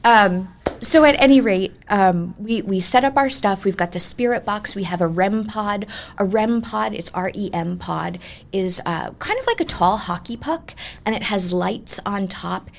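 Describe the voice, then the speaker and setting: A woman ghost tour guide chatting in an animated, emphatic way as she tells ghost stories in an interview. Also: medium pitch, unhurried, creaky, slight background noise. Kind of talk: conversational ghost storytelling.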